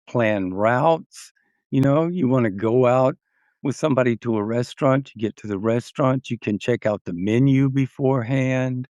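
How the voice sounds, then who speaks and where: A man's voice: mid-range voice, darkish tone, no echo. A man, a teacher of independent living skills, talking as a guest in an easygoing, self-deprecating way. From Austin area. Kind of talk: casual chat.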